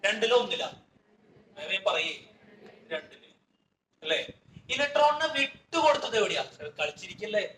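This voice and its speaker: A man's voice: high voice, sing-song, moderate pace, pauses often, a bit bright, far from the mic. A man with a Malayali accent teaching a chemistry class, quizzing his students, repeating questions and scolding them. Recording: echoey classroom with faint noise.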